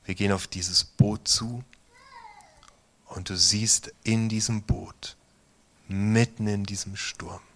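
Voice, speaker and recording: A pastor gently guiding listeners through a meditation in a theater, speaking softly and sometimes in a whisper. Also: male voice, on the low side, fairly even intonation. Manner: slow, soft, at times whispered guidance. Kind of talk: guided meditation within a sermon. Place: theater stage. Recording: guitar music playing underneath. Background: soft guitar music.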